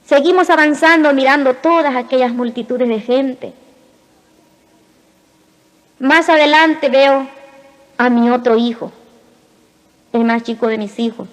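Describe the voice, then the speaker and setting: A woman giving a spoken religious testimony in an emotional way, speaking in short phrases with dramatic pauses. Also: high-pitched. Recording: reverberant hall.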